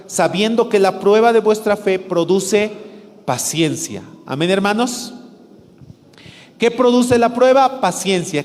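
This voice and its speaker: A male pastor with a Bolivian Spanish accent, preaching a sermon and asking his congregation questions that he answers himself. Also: high voice. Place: church hall. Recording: echoey church hall with music.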